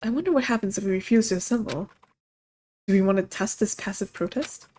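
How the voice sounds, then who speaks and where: A woman casually narrating a visual novel and reading its characters aloud, with playful, excitable reactions. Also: medium pitch, a little fast, slight background noise.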